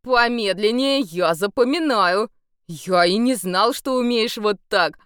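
A woman's voice: medium pitch, a little slow, fairly bright tone, smooth, dry recording, voice pushed up, lightly acted. A woman voicing a lovestruck, brash young male vampire in an audiobook, dreamy and pushy in manner, recorded close and dry. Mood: amused.

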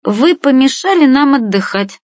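A woman's voice: high voice, lively intonation, moderate pace, darkish tone, dry recording, pitched above the performer's own voice. A woman voicing a tipsy, mocking middle-aged woman with a threatening manner, in a dry, dull audiobook recording.

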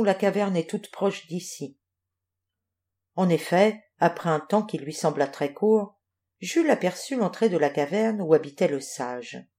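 A woman's voice: on the low side, mellow. Woman reading a children's story. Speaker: audiobook reader.

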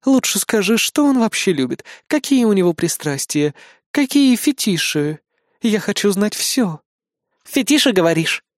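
A man reading an audiobook, voicing a sly young queen who talks in a soft, purring way. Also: high-pitched, sing-song, a little slow, no echo, studio quality, voice pushed up. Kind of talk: audiobook character voice.

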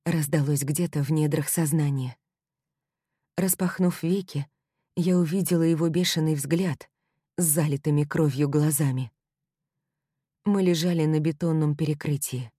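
Brief: woman audiobook narrator, low voice, dry close sound, tense delivery. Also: mellow, slightly rough, dry recording. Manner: tense, dramatic. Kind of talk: scripted first-person narration.

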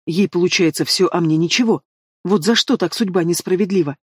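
A man's voice: sits high, a little fast, slightly rough, no room sound, studio quality. A man doing a whiny spoiled young woman. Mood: sobbing. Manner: whining and squealing. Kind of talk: audiobook character voice.

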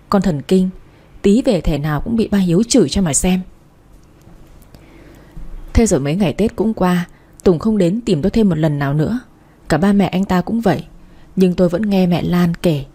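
Woman narrator, dark mellow tone, sardonic first-person storytelling. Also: fairly low pitch, husky. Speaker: audiobook narrator.

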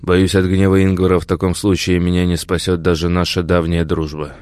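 A man's voice: sits low, monotone, fairly quick, a little mellow, dry recording, lightly acted. A man voicing an aging, weary and powerful prince in a fantasy audiobook, speaking in a grave, tired way. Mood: grim. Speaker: character in audiobook.

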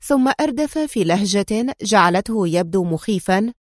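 A woman narrating a spy novel as an audiobook in a steady, expressive reading. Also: medium pitch, moderate pace, no room sound, studio quality.

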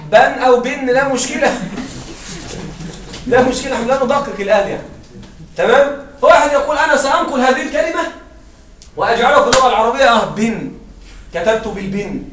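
A high-voiced male teacher explains a grammar lesson to a class, pausing to quiz his students and repeating himself as he goes. His voice is picked up from across the room. The classroom echo is strong. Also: expressive, a bit bright, a little hiss or hum. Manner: questioning students, repeats and restarts. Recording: roomy classroom sound from far off.

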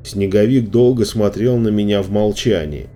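A man narrating a storybook in a steady, measured reading voice. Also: fairly low pitch. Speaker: audiobook reader. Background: faint music.

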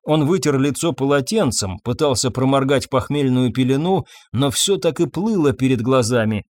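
A man reads a story aloud at a measured, steady pace. His voice sits at an ordinary middle pitch for a man. The sound is close and dry, with no room around it. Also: no room sound. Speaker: narrator. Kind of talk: audiobook narration.

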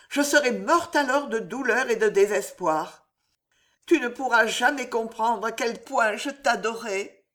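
Audiobook: woman reader doing a grave, sorrowful mother, slow and solemn. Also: a little high, voice pushed up. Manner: solemn, hesitant. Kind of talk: audiobook character voice.

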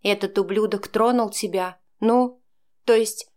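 A worried, caring female friend, as an audiobook narrator voices her speaks softly and slowly. Her tone is gentle and soothing, close to a whisper at times. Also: medium pitch, steady tone, lightly acted. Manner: soft, soothing, half-whispered.

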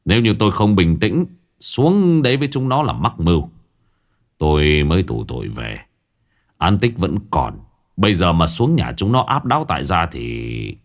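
A man voicing a stern older martial arts master who speaks gruffly, holding back anger. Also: low voice, pitched below the performer's own voice, full character voice.

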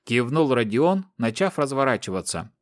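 A man narrating an audiobook with expressive storytelling. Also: medium pitch, moderate pace, dry recording. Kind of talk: scripted narration.

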